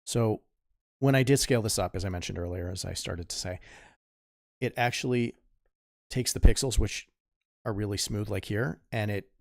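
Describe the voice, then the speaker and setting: Casting: man in his 50s, deep gravelly voice, dry close sound, rambling artist talking through his drawing. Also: normal speed, pauses often, no echo. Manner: rambling, self-correcting, mutters to himself. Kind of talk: casual tutorial chat while drawing.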